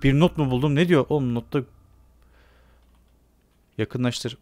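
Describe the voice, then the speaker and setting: A man's voice: medium pitch, a little slow, darkish tone, no echo. A man giving casual let's play commentary on a horror game, talking to himself and the game and repeating words. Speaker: gamer playing a horror game.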